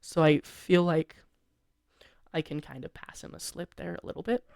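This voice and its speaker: A man's voice: a little high, fairly even intonation, normal speed, creaky, a little mellow, clean tone, no echo, clean studio sound. A teenage boy hosting a casual podcast, rambling through song criticism with many restarts and fillers. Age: teens. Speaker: podcast host. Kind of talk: casual chat reviewing songs.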